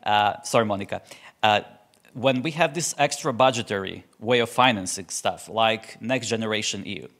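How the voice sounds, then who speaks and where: A man's voice: mid-range voice, fairly bright tone. Male panelist from Croatia, earnest policy talk with frequent self-corrections. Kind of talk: panel discussion.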